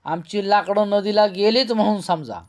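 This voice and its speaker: A man reading a novel aloud, voicing a blunt, rustic older village headman who drawls slowly. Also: sits high, close to an everyday voice.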